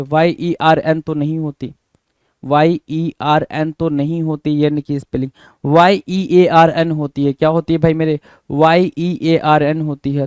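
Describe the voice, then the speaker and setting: A man runs a spelling lesson, spelling each word out letter by letter and repeating it with rhetorical questions. His voice sits a little high and sounds smooth and resonant. The recording is close and dry. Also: a little mellow, dry recording. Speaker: teacher.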